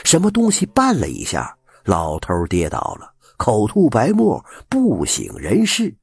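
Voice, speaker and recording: A man telling a folk tale with an animated, expressive delivery. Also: mid-range voice, a little slow, creaky, slightly rough, no echo, clean studio sound. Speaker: storyteller.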